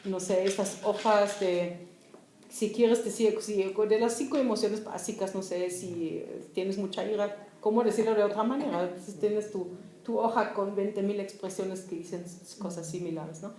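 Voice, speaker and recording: A young German-born writer whose first language is German chats and laughs as an author guest at a public discussion, telling stories with lots of fillers. Her mid-range voice is mellow, fairly even and moderately paced. The venue sounds roomy and echoey, with a little hiss or hum.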